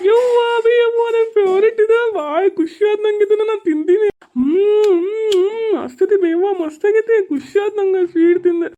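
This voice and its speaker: Woman doing a homesick schoolboy, North Karnataka Kannada, dark tone, muffled lo-fi recording. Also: high-pitched, level tone, quick pace, natural voice. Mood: delighted. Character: young schoolboy living away at a hostel. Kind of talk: family drama acting.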